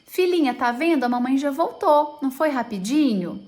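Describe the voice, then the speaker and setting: A toddler girl plays at being a busy working mother, firm and a little bossy as she speaks to her pretend child, voiced by a woman. The voice sits fairly high. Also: lively intonation, moderate pace, a little mellow. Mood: doting.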